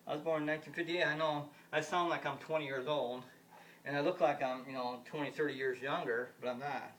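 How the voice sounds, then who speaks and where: On the high side, with fairly even intonation, a brisk pace, and a fairly bright tone, this man's voice belongs to an American in his fifties. He rambles through a solo monologue, often repeating himself and circling back to the same points. The mic is distant, with faint background noise.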